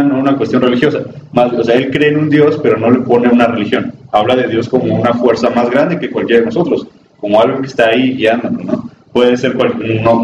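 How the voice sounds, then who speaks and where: A man with a Mexican accent, a psychologist giving a chatty workshop talk to a live audience. He asks the listeners questions and acts out the people in his stories. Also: medium pitch. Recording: distant, dull, noisy, roomy recording.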